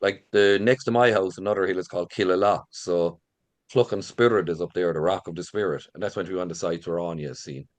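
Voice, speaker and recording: A man's voice: sits low, quick pace, no room sound. A middle-aged Irish man telling local folklore informally in an interview, with a lilting, conversational storyteller's manner. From rural Ireland. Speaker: visitor centre manager and local folklore storyteller.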